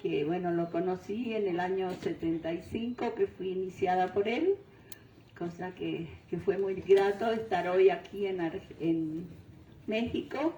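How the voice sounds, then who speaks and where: An older woman from Venezuela giving a devotional talk, pausing often and searching for words. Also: on the low side, warm tone, slight background noise. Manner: unhurried, searching for words, frequent fillers. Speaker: guest speaker. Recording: distant mic in roomy hall.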